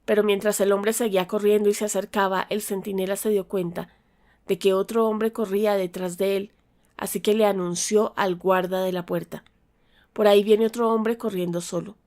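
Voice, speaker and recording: A woman narrating a Bible reading aloud in a calm, measured way. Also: mid-range voice. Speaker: Bible reader.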